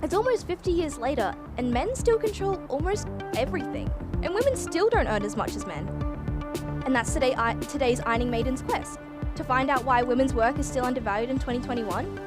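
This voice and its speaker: In a pensive mood, the actress narrates a radio play as a chatty, earnest young time traveller with an Australian accent, keeping a breezy, confiding tone. Her high voice is animated and brisk, heard over loud music.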